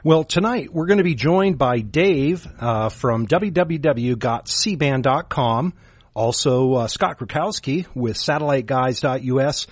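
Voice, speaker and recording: A man's voice: mid-range voice, expressive, measured pace, slightly rough, no echo. A man co-hosting a call-in radio show, announcing guests and segments in an upbeat way with some fillers.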